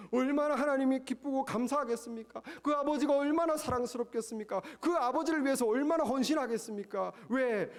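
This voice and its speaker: A man preaching a sermon as pastor, emphatic and full of rhetorical questions, swinging between raised passages and quiet low asides.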